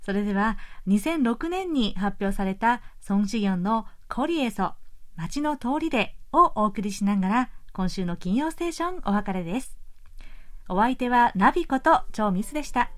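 A woman hosting a radio show, chatting politely about a recipe and signing off with soft laughs. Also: medium pitch, expressive, normal speed. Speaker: radio host.

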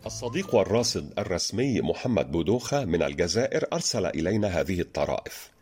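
A man's voice: deep voice, very animated, fast talker, music in the background. A man hosting a radio show, reading listener letters in a formal standard register. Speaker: radio program host.

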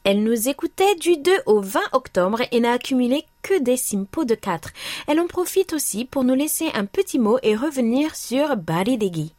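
A woman's voice: fairly high pitch, lively intonation, normal speed, a little mellow, dry recording. A woman hosting a radio programme, presenting scripted reports from listeners. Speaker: radio host.

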